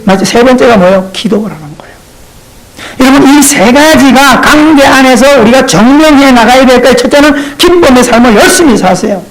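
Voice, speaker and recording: Male pastor, sermon, playful, animated, speaks straight to the congregation. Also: very high-pitched, a little fast, slight background noise, low-quality recording.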